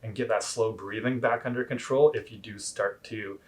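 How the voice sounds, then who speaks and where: A man giving casual, instructional explanations as a coach, in a halting, hedging way. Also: on the low side, steady tone. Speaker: cold plunge coach.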